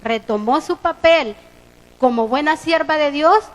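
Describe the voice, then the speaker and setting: Mujer predicadora salvadoreña de voz aguda. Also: female voice, sits high, a little slow, rough recording. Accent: Salvadoran Spanish. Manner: storytelling, quoting conversations with lively voicing. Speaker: preacher. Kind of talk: sermon with retold dialogue. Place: church.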